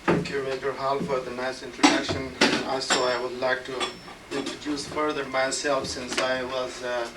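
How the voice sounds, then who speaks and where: A man in his forties with an Afghan accent, a physician giving a formal lecture in a halting way, with many pauses and fillers. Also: medium pitch, flat delivery. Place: auditorium at a medical center. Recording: echoey hall recorded from far off, noisy.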